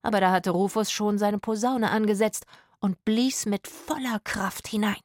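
A woman narrating a children's story in an expressive, lively manner. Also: medium pitch, moderate pace, background noise.

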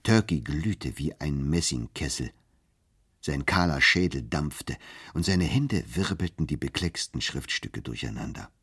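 A man giving a measured, expressive first-person narration of a literary story. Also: rumbling low, breathy edge. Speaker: audiobook narrator.

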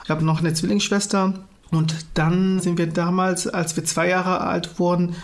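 A man's voice: high-pitched, little pitch movement, a little slow, creaky. A man in his thirties who grew up in Germany, speaking matter-of-factly as an interview guest. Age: 30s. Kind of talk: conversational interview.

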